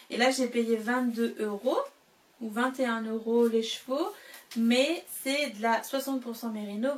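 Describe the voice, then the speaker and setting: A woman's voice: a little high, far from the mic. A woman chatting casually to the camera about yarn she bought, with many fillers and small laughs. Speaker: knitting vlogger showing yarn purchases.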